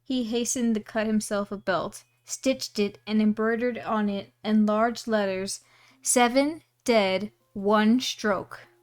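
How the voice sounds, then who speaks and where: A woman's voice: mid-range voice, steady tone, a little slow, few pauses, a little mellow. A woman streamer casually reading a storybook aloud, giggling and adding asides on the text.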